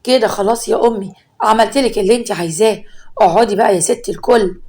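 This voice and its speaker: A woman's voice: medium pitch, fast, darkish tone, lightly acted. Woman voicing a young Egyptian husband. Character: young husband torn between mother and wife, man.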